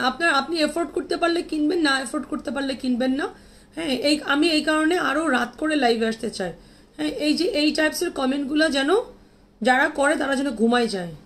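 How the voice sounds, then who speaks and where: A Bangladeshi online boutique seller, speaking briskly in a high voice, hosts a live clothing sale and shows dresses on stream. She chats casually, reads and answers viewers' comments, and blends English words into her sales talk.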